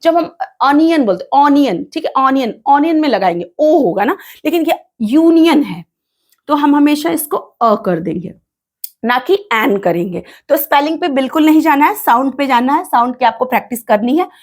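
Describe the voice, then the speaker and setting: A woman with a fairly high voice teaches grammar in a patient classroom manner. She says each example word slowly, over and over. She asks her own questions and then answers them. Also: expressive, a little mellow. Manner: repeats words slowly to drill pronunciation. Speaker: English teacher. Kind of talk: classroom-style grammar lesson.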